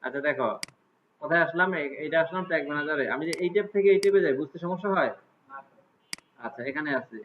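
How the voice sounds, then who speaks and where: Male teacher, somewhat high voice, tinny phone-like audio. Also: quick pace, long pauses, a little hiss or hum. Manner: casual, asks students frequent check questions. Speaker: computer class teacher. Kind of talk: live class walkthrough.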